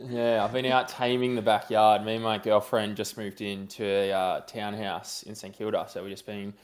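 A man's voice: fairly low pitch, flat delivery, normal speed. Casual Australian man chatting as guest. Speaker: podcast guest, reality TV contestant. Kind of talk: casual interview chat.

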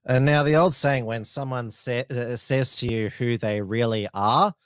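Male political commentator, informal and hesitant, mid-pitched voice, dry recording. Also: steady tone, smooth, dry recording. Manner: halting, hesitant delivery.

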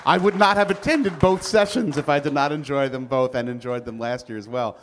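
A man's voice: medium pitch, brisk, a little hiss or hum. Guy hosting a stage chat on a cruise, playful, rambly setup. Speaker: host. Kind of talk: interviewing on stage. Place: theater on a cruise ship.

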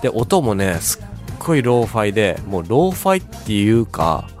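A man hosting a casual music radio show, chatting with enthusiasm about songs, with many fillers and pauses. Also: lowish voice, very animated, darkish tone.

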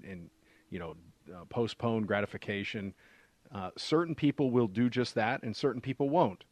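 A man's voice: on the low side, no echo. A man giving a conversational explanation as a financial adviser on a radio show, using rhetorical questions and repetition for emphasis.

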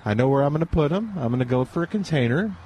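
A man's voice: on the high side, fast talker. A man hosting a live gardening radio show from a nursery porch, chatting casually and joking with his guests. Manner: relaxed, joking banter with guests. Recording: faint outdoor traffic noise.

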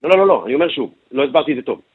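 A man with a somewhat higher, husky voice talks as a radio news correspondent. He walks through events at length, filling pauses with small hums as he explains. The sound is dull and lo-fi, like a radio broadcast. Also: animated. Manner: detailed explanatory recounting with filler sounds.

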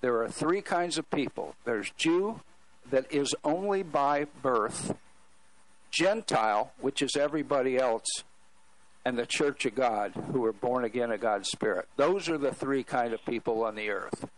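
A man speaking as a talk show guest, earnestly expounding his beliefs in a deliberate way with pauses mid-sentence. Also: mid-range voice, animated, rough recording. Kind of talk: earnest religious exposition.

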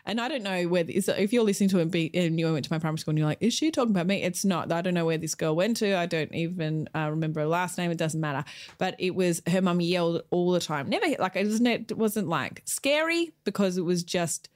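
A woman's voice: fairly low pitch, quick pace, a little mellow. A woman, co-hosting a podcast in casual chat, rambling with many restarts. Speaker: podcast co-host.

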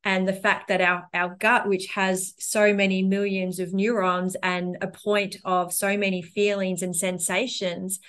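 A woman's voice: mid-range voice, little pitch movement, a little slow, hardly any pauses, fairly bright tone. A woman co-hosting a casual podcast, speaking in an effusive, reflective way. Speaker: podcast co-host.

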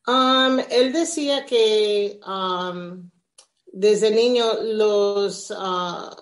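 A middle-aged woman speaking as an interview guest, slow, halting and reflective. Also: mid-range voice. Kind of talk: conversational interview.

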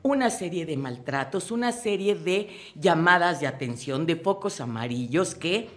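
Woman, Mexican accent, radio commentator, lively on-air talk, very animated intonation, acts out quotes. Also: lowish voice, moderate pace. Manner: expressive, acts out short quoted scenes.

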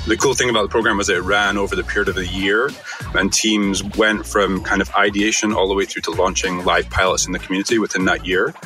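A man from Scotland with a Scottish accent, a guest answering interview questions in a quick, friendly way. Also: low-pitched, flat delivery, sharp tone, soft background music. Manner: quick, friendly, uses fillers like "kind of". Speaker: guest, design studio co-founder.

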